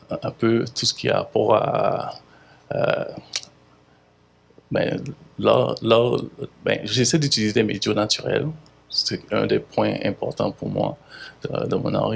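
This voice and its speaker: A man in his thirties from Haiti with a Haitian French accent, an artist giving halting interview answers full of fillers and restarts. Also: on the low side. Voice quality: gravelly, husky. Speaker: visual artist.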